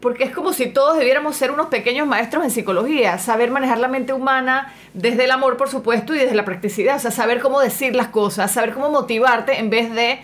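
A woman's voice: high-pitched, quick pace, few pauses. A woman hosting a casual interview, affirming and chiming in with agreement as she asks questions. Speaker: interview host.

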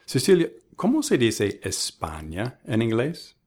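A man teaching English pronunciation in a bilingual lesson, modeling each word slowly and contrasting wrong and right versions. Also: medium pitch, huge pitch swings, a little mellow, slightly rough. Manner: slow, deliberate, models words by contrast. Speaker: language teacher.

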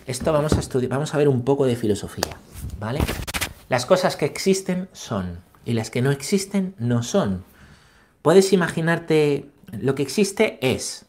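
A man giving a catechesis talk, animated and emphatic, asking rhetorical questions and checking in with his listeners. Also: fairly low pitch. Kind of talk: catechesis talk on scripture and philosophy.

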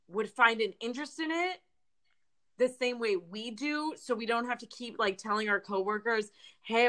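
A woman's voice: fairly high pitch, sharp tone. Chatty, candid woman podcast co-host. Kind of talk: casual podcast chat.

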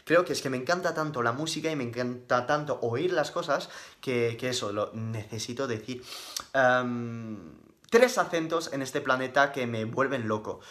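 A man's voice: mid-range voice, moderate pace, a bit bright. A man with a Spain Spanish accent hosting a casual live-stream Q&A, chatty and upbeat, tossing in slang like bro. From Madrid, Spain. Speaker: fitness live-stream host.

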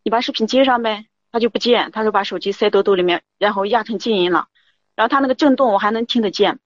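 A woman telling her story to a show host. She runs her words together quickly and talks in loops, repeating herself as she recounts each exchange. The audio is dry and muffled. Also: mid-range voice, no room sound. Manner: rambling, keeps repeating "I said". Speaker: caller. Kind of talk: confiding call-in account.

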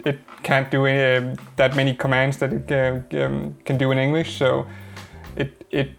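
A man's voice: medium pitch, completely flat delivery, moderate pace, vocal fry, faint music behind. A man with a Danish accent, a native Danish speaker hosting a casual interview, speaking hesitantly with many restarts and fillers. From Denmark.

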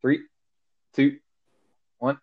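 A teenage boy co-hosts a casual podcast, drawing out his words and rambling loosely with plenty of "like." He comes through a phone call, so the audio is muffled and dry.

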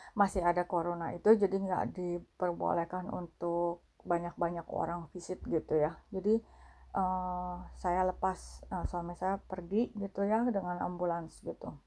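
Woman, warm mellow tone, casual testimony vlog, hesitant and repetitive delivery. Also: fairly low pitch. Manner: halting, many fillers, repeats phrases. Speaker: vlogger sharing a faith testimony.

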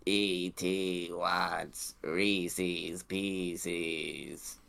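A little space creature croaks out dopey lines in a very deep, gravelly voice, as a man puts him on. Every word is dragged out slowly. A faint hiss sits behind the voice. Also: little pitch movement, sharp tone, heavily acted. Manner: drawn-out, creaky, dopey speech. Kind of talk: improvised comedy role-play.

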